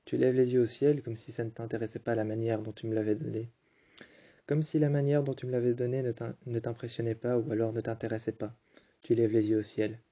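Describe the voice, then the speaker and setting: A man tells a tender story straight to a listener, calm and unhurried. His voice is low and mellow and stays almost level, and he often stops to repeat or restart a phrase. The recording sounds dull and muffled. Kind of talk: improvised second-person romantic storytelling.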